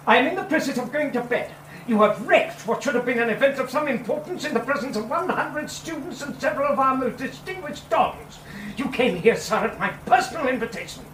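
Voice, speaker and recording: A man's voice: very high voice, fairly bright tone, reverberant, distant mic, slight background noise. A man playing a fussy, indignant college don in a radio drama, talking in a pompous way.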